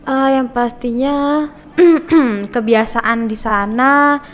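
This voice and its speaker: Brief: young female student guest from Indonesia, higher voice, measured and polite. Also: fairly even intonation, fairly bright tone. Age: young adult. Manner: polite, measured answers with short agreements. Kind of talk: casual podcast interview.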